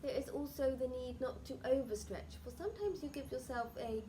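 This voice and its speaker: A woman's voice: high voice, brisk, warm tone. A woman speaking as a seance medium in trance, delivering solemn, oracular channelled messages to a group in formal phrasing. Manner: seance medium speaking as a channelled spirit, addressing sitters as "dear one" and "we". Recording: noisy live group recording.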